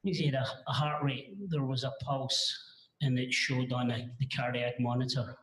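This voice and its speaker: A man gives testimony as a paramedic in a courtroom recording. He speaks plainly and haltingly at a mid pitch, pausing to find his words. The sound carries the echo of a large courtroom. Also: little pitch movement, a bit bright. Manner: halting, hesitant, plain-spoken.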